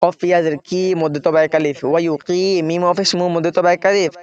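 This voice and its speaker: A man's voice: a little high, flat delivery, quick pace, muffled recording. A man teaching Quran reading step by step, spelling out letters and vowel marks and often checking in with his listeners.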